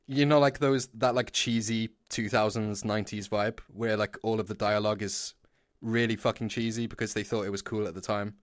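A young man in his twenties hosts a casual podcast chat, his voice sitting on the low side. He rambles, swears freely and keeps breaking into laughs, and the sound is dry and close with no room around it. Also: fairly even intonation, brisk, no room sound. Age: 20s. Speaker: podcast host.

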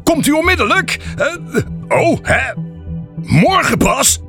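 A man's voice: very high voice, sing-song, slow, music in the background, pitched above the performer's own voice, exaggerated voice. A man voicing a grumpy, indignant father who snaps and splutters in an audiobook story. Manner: huffy, snapping, flustered. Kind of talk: audiobook fairy tale reading.

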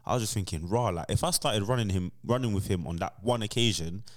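A man's voice: lowish voice, fast. A man with a London roadman accent telling an anecdote in casual chat, full of street slang and checking tags.

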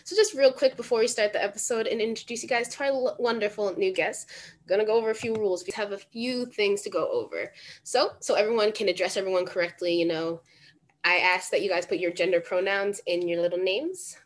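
A teenage girl hosts a relaxed panel over a video call. She talks in a chatty, upbeat way and fills her questions with "like". Her voice sits at an ordinary middle pitch. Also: brisk. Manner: chatty, upbeat, uses fillers like "like". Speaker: host.

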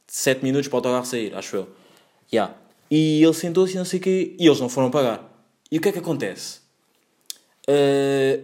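Young man, European Portuguese accent, casual storytime, rapid talk, slangy, rambling, self-correcting. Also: medium pitch, a little mellow. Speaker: vlogger.

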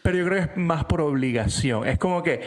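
A man's voice: on the high side, expressive, brisk. A man, a chef and podcast co-host, chatting casually in loose, slangy, joking talk. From Latin America. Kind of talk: casual chat.

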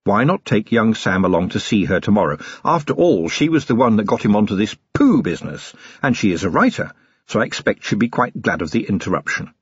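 A man's voice: on the low side, sing-song, brisk, husky, no room sound, lo-fi sound. A man playing a weary, sarcastic policeman in bed talking with his wife, in an audiobook. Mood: wry. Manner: dry, sarcastic. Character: weary, sardonic policeman husband.

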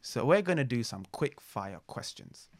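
A young man with a London roadman accent hosting a talk show in animated slangy chat, repeating phrases for emphasis. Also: medium pitch, normal speed, no echo. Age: young adult.

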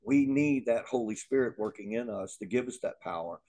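A man leads a Bible lesson in an earnest, conversational way. His voice sits at an ordinary middle pitch. He often repeats a word or restarts a phrase while he works out his thought. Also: lively intonation, normal speed, dark tone, slight background noise. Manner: earnest, repeats words while thinking aloud. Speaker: Bible teacher. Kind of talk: Bible teaching.

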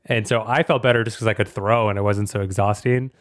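Dude hosting a podcast, smooth clear voice, dry sound, chatty and casual. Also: male voice, fairly low pitch, fairly even intonation, fast talker, dry recording. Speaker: podcast host.

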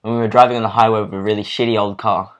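A young man, co-hosting a casual podcast and chiming in with short, quick remarks. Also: on the low side, little pitch movement. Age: young adult. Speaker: podcast co-host. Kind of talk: casual chat.

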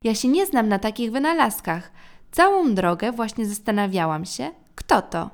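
A woman voicing a cheerful mother who works magic, in a lively, delighted storybook manner. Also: on the high side, normal speed.

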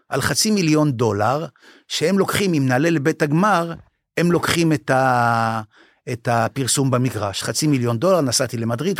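Speaking at a medium pitch, an older former basketball club manager tells lively interview stories for a podcast, performing quoted lines and becoming emotional enough to say he's moved. The sound is dry and clean, as from a studio.

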